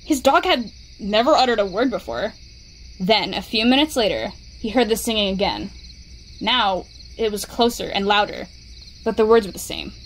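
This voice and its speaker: A woman's voice: mid-range voice, expressive, normal speed, a little hiss or hum, poor audio. Woman steadily telling a scary story.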